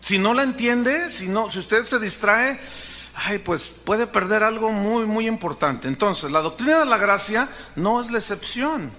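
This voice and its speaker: A man's voice: high voice, expressive, measured pace, pushed and bright. A male pastor, preaching a sermon emphatically and asking the congregation rhetorical questions.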